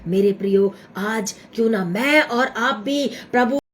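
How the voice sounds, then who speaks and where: A woman's voice: fairly high pitch, measured pace, slight background noise. A woman preaching a Hindi sermon with a Hindi accent, dramatic, acting out a beggar's cries and dropping to pleading whispers.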